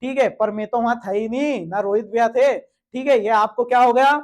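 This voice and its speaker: A man's voice: extremely high pitch, moderate pace, a little mellow. A young man teaching a grammar lesson for an exam, asking the students questions and answering them himself.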